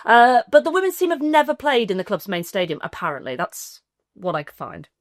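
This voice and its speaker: An English woman co-hosts a casual football podcast, chatty and giggly, often trailing off mid-sentence. Her mid-range voice is very animated and fairly quick, and the recording is dry with a slightly rough sound.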